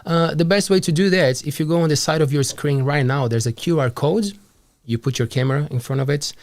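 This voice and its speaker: A man's voice: medium pitch, a little mellow. A man in his thirties hosting a live studio show, talking in a friendly, upbeat way with many fillers. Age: 30s. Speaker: show host. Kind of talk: casual live show chat. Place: small studio.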